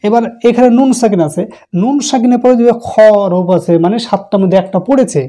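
A man with a mellow, warm tone gives a recitation lesson. He is patient and explains each letter's sound step by step. He often repeats the sounds slowly before moving on. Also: very high voice. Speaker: Quran recitation teacher.

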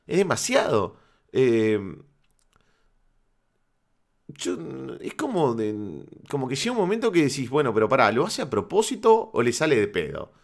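Animated, sarcastic Uruguayan man. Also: medium pitch. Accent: Uruguayan Spanish. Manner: sarcastic, rambling, stammering restarts. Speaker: fan channel host. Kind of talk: casual football commentary monologue.

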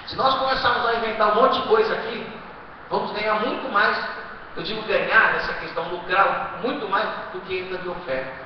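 High-voiced pastor in an echoey hall. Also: male voice, brisk, background noise. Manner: preaching with rhetorical questions to the congregation; swings between quiet asides and loud exhortation. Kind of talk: sermon. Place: church hall. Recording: echoey hall, distant muffled live stream.

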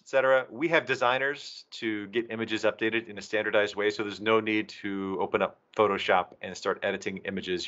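Speaking in a fairly low pitch that comes across pushed and bright, a man from a software documentation team presents a slide walkthrough during an online video meeting. He explains things conversationally and emphatically, and the compressed video call audio is dull.

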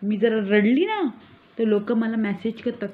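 Here the same boastful village schemer, a con artist in a comic monologue, comes through a slightly high voice with lively intonation at a measured pace. The woman's gleeful bragging and mockery sound tinny, as if over a phone.

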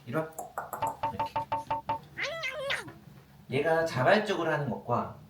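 A man's voice: on the high side, big pitch swings, a little slow. A man working as a dog trainer, explaining indoor exercise for a puppy and calling it over with short repeated commands, recorded indoors on a distant camera mic. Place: indoors, small room. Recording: roomy sound, distant mic, music behind.

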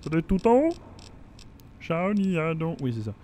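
A man's voice: on the high side, big pitch swings, moderate pace, dark tone, slight background noise. A man giving casual let's-play commentary, joking, swearing and reading game text aloud. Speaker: gameplay commentator. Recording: faint game music behind.

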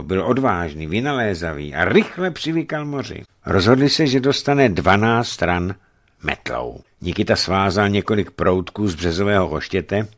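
Low-voiced guy reading a sea adventure novel on the radio, very lively telling. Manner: expressive storytelling narration. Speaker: reader.

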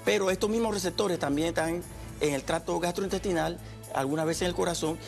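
A middle-aged man with a high, gravelly voice speaks briskly as an infectious disease doctor guest on a studio talk show, explaining things in plain terms during a TV interview. Soft music plays in the background.

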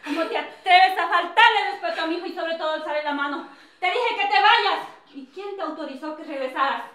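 A woman's voice: high voice, normal speed, fairly bright tone, roomy sound. A woman playing a snobbish, domineering middle-aged mother-in-law in an amateur drama skit, scolding and bossy.

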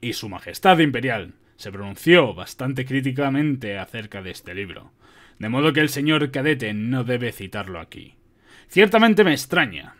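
Stern academy lecturer in a storybook reading, as a man puts him on, reproving and measured. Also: mid-range voice, sing-song, fairly bright tone.

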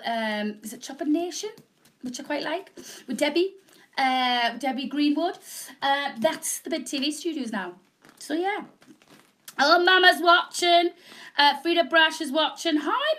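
High-voiced Northern English home shopping host woman with a cold. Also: bright, forceful tone. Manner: home shopping host patter, rambling and jokey. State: snotty with a cold, coughing. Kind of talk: chatty live home shopping pitch. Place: small indoor room. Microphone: camera mic at a short distance, no proper mic.

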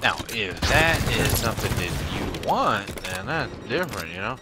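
A man's voice: on the low side, sing-song, moderate pace, very noisy. A man joking around wryly in casual chat while gaming with friends. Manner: wry, joking. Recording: loud game gunfire behind.

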